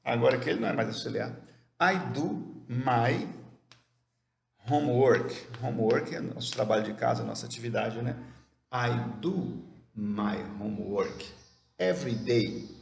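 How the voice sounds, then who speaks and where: A male teacher walks through a grammar lesson, raising questions and answering them himself. His voice has a gravelly edge, and the room gives it a noticeable echo. A faint noise hums underneath. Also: medium pitch. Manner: explains step by step, asks and answers his own questions; reads English examples slowly and carefully. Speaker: English teacher.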